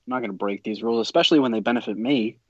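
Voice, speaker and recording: A man telling an animated umpiring story in casual talk, laughing as he goes. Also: medium pitch, very fast, muffled recording. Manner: animated, laughs through his own story.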